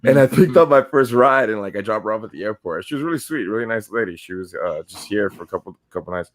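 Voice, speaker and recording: A man's voice: lowish voice, fast talker, a little hiss or hum. A man telling rambling, profanity-laced stories in a casual podcast chat. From New York. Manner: profane, rambling, animated storyteller. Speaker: podcast co-host.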